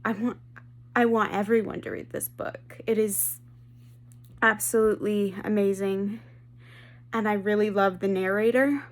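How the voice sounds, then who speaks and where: A woman's voice: mid-range voice, steady tone, a little slow, pauses often. Chatty woman book vlogger. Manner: chatty and enthusiastic, trailing off and restarting sentences. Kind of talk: casual vlog chat.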